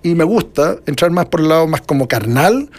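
A middle-aged man with a Chilean accent talks about his own writing. His voice sits high, and he rambles reflectively, with many fillers and restarts. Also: lively intonation, moderate pace. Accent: Chilean Spanish. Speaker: author being interviewed. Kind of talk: casual interview conversation.

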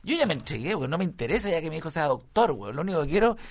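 Middle-aged chilean guy doing a stand-up bit, slangy and rambling, bit high voice, dry close sound. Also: very animated, rapid-fire, dry recording. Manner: slangy, rambling, acts out voices with loud bursts. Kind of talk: stand-up storytelling monologue.

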